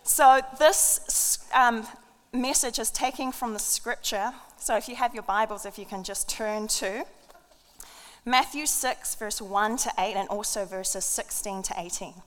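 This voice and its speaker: A woman preacher with a fairly high voice tells an animated story and then reads scripture aloud. She laughs at her own jokes. Her voice rings with a long reverb, as in a church hall. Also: a little slow. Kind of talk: sermon with a humorous opening story.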